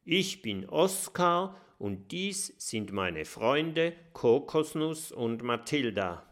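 A man's voice: medium pitch, sing-song, slow pace, fairly bright tone. A man voicing a cheerful, carefree young dragon who loves food in a children's story. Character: cheerful greedy young male eating dragon.

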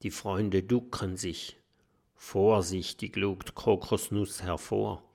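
A man reading a children's story aloud with expressive, storytelling delivery. His voice is gravelly and he takes his time over each line. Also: low-pitched, slow. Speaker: audiobook narrator.

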